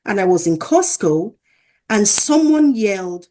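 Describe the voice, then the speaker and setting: A woman's voice: medium pitch, very animated, a little slow, warm tone, a little hiss or hum. A woman from Africa, a professor and interview guest, talking earnestly and telling stories in a conversational way. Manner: earnest, acts out quoted dialogue.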